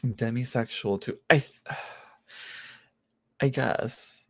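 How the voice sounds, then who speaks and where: Late-twenties tarot reader, gravelly and chatty, rambles and restarts a lot, teases himself. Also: male voice, medium pitch, drawn-out words. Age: late 20s. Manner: rambling, self-mocking, many restarts. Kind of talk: casual live-stream chat.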